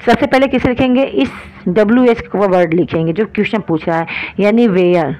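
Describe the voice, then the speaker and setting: A woman with an Indian accent teaching an online grammar lesson, often asking if things are clear and slowing down to spell out example sentences. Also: mid-range voice, darkish tone, highs cut off. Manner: explains in Hindi, often asks if it is clear.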